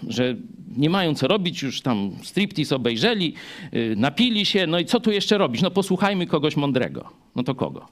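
Male preacher, fairly high voice that swings a lot, chatty asides. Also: normal speed. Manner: animated, chatty, rhetorical asides. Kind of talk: Bible study sermon.

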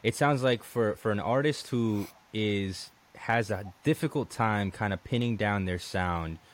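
In an unhurried, fairly low voice, a male podcast host from Colombia holds a casual interview chat. He's conversational, restarting sentences often and dropping in "man" a lot.

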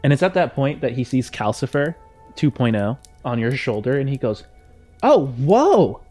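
A man's voice: medium pitch, fairly quick, darkish tone, soft background music. A man running a tabletop game as game master, narrating the scene loosely with small restarts.

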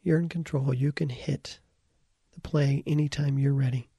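Husky, gravelly-voiced man guiding a meditation. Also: medium pitch, moderate pace, no echo, studio quality. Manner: calm, soft-spoken, drifts into whispers. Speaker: guided meditation leader. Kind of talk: slow guided visualization.

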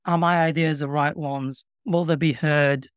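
A middle-aged man with a broad Yorkshire accent, speaking in a measured, earnest way as an interview guest. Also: fairly high pitch, steady tone, dry recording, studio quality. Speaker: interview guest, public sector communications professional. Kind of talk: reflective conversational interview.

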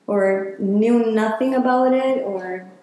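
A woman's voice: a little high, takes it slowly, warm tone. A woman from Chile, talking reflectively in a casual interview and using many fillers. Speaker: interviewee, healer. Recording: very echoey room.

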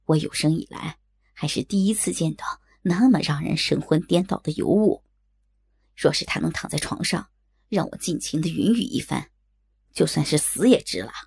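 A coarse, lecherous young bandit from an audiobook, grumbling and crude, as a woman narrator puts him on. His voice sits low and gravelly with a husky edge. He sounds dry and close. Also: expressive, normal speed, darkish tone, no echo, exaggerated voice. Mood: leering.

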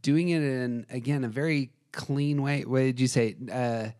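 A man's voice: medium pitch, steady tone, moderate pace, darkish tone. A man co-hosting a casual film discussion, narrating scenes and commenting on them. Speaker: co-host.

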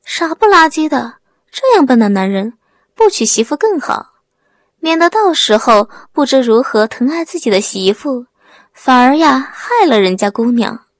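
A woman's voice: high voice, big pitch swings, normal speed, no room sound, studio quality. A woman voicing a skinny male thug who sneers coldly. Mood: sneering. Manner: cold sneering.

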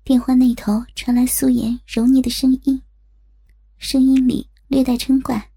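Female audiobook narrator, soft and husky with some fry, music behind. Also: high voice, level tone, measured pace. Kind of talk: scripted story narration.

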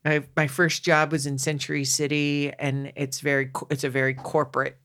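A middle-aged woman with a notably low voice, co-hosting a podcast. She speaks candidly and casually, telling personal stories and sometimes getting animated. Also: normal speed. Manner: candid, storytelling, animated at times. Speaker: podcast co-host. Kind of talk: casual conversation.

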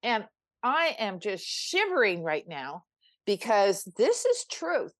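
A woman's voice: medium pitch, big pitch swings, slow, no echo, studio quality. An older woman, a spiritual coach, telling a personal story on a podcast in an earnest, emphatic way, with frequent restarts.

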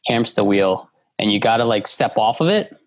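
Male entrepreneur guest, casual and halting, dry close recording. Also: lowish voice, animated, dry recording. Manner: halting, many fillers and restarts. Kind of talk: casual business chat.

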